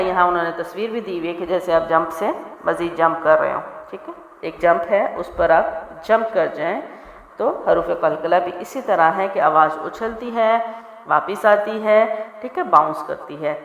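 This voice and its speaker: A woman teaching Quran recitation, drawing out syllables slowly in letter drills. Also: lowish voice. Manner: slow, elongated syllable drills. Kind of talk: tajweed lesson with drawn-out letter drills. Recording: echoey hall, dull lo-fi sound.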